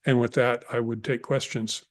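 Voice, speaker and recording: A man presenting a formal report to a board as a technical adviser, in a halting, measured way. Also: mid-range voice, level tone.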